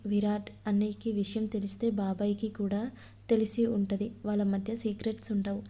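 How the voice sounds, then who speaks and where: Flat-voiced woman reading a love story. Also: mid-range voice. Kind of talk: reading a love story aloud, naming each speaker.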